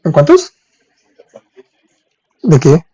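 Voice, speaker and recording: Mellow-voiced man teaching a live class. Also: fairly high pitch, wildly swooping pitch, husky, muffled recording. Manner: reads viewers' chat, thanks them for gifts, spells French slowly. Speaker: French teacher. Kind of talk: live-streamed language lesson.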